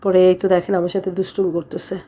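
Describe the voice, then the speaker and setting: A woman's voice: lowish voice, flat delivery, fast, dark tone. A woman, a mother from Bangladesh, narrating her family's daily vlog in a plain, conversational way. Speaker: vlogger mother.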